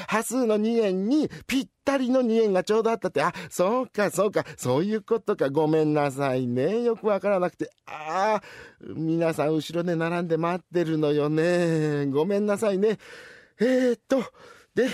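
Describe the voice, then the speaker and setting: A man's voice: high voice, darkish tone, no echo, clean studio sound, voice pushed up. A man voicing a fussy, chatty old woman shopper in a rakugo comic story, rambling and flustered.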